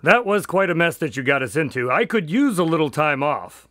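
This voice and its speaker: A man's voice: a little high, lively intonation, fairly quick, sharp tone, no room sound. A man playing a long-suffering doctor, a detective's loyal sidekick in a radio drama, grudging and dryly humorous. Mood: grudging, weary. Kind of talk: scripted radio drama acting and narration.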